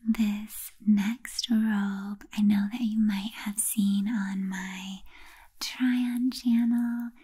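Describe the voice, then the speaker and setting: A young woman whispering softly and slowly in an ASMR video, with a breathy, unvoiced delivery. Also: mid-range voice, flat delivery. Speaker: ASMR creator.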